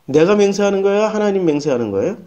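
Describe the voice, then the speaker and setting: A man's voice: high voice, expressive, fast, dark tone, muffled recording. A man preaching a sermon as pastor, asking his listeners questions and answering them himself, and acting out short quoted lines.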